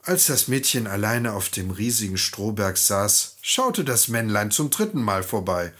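A man tells a fairy tale to children, slowly and with a lively, rising and falling voice. His tone is slightly husky and breathy, and he lingers on each phrase. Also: on the low side. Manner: lively, expressive storytelling. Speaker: children's storyteller.

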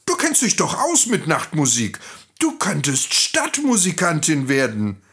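A man's voice: a little high, huge pitch swings, unhurried, a bit bright, pitched above the performer's own voice, full character voice. A man voicing a cheerful, bossy old male donkey in a fairy tale reading, talking in an eager, coaxing way. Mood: encouraging.

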